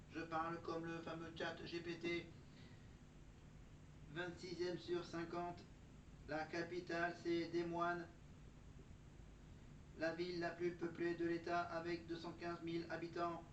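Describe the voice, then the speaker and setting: A man putting on the flat, monotone voice of a chatbot robot while reading out facts, picked up far from the mic in a dull, noisy recording. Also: fairly high pitch, reverberant, lightly acted. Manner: even, mechanical reading of facts. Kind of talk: factual segment delivered as a robot.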